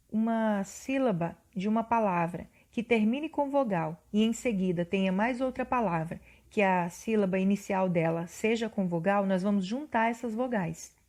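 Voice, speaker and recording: Woman teacher giving a slow, measured lesson. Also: medium pitch, darkish tone. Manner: slow, deliberate, counting syllables aloud; recites poetry in a measured cadence. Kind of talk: recorded literature lesson.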